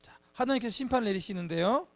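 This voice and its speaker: In a church, a man with a very high voice talks fast while teaching children a Bible lesson. He is animated, acting out children's taunts and asking the kids frequent questions.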